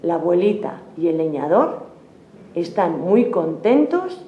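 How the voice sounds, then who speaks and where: Slow, lively woman telling a fairy tale. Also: fairly low pitch, echoey room, narrow, tinny audio, slight background noise. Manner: slow, clear, simple sentences. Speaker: narrator. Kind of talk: slow storybook narration.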